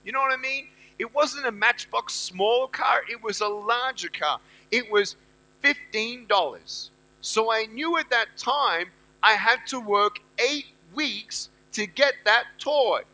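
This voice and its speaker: A man's voice: very high voice, expressive, slow, bright, forceful tone, low-quality recording. A middle-aged man giving a motivational speech to students at a university event. He talks emphatically and repeats his key phrases. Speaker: motivational speaker.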